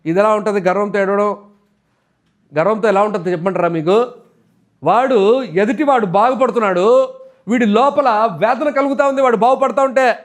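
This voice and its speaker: A man's voice: high voice, normal speed, pauses often. A man preaching a sermon, asking rhetorical questions and acting out people's complaints. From India. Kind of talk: Telugu sermon.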